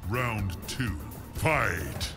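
A man performing as a commanding fighting game announcer, delivering booming, drawn-out calls. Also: lively intonation, loud music behind the voice, exaggerated voice.

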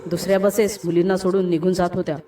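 A woman's voice: lowish voice, flat delivery, fast talker, dark tone, far from the mic, slight background noise. A woman reading a scripted horror story aloud, speaking every character's lines in her own voice. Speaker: narrator.

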